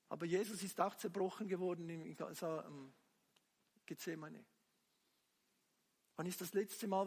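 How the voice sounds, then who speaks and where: A man's voice: a little high, gravelly, husky. A man preaching a sermon with fervor, firing rhetorical questions at the congregation. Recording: long hall reverb.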